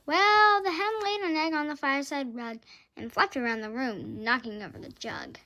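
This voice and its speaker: A woman's voice: high voice, normal speed, bright, forceful tone. A female storytime reader narrating a children's picture book aloud.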